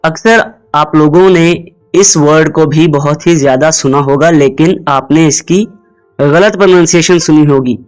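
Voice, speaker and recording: A fairly high-voiced man, teaching pronunciation in an explainer lesson. He drills each word slowly and several times, inviting the listener to repeat after him. Faint music plays underneath. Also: smooth, rough recording. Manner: drills words slowly, repeats them, asks viewers to repeat. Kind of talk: instructional explainer.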